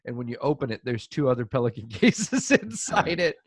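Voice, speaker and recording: A man co-hosting a show in casual banter, animated and often laughing. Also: mid-range voice, a little fast, slightly rough, no room sound, studio quality. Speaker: co-host.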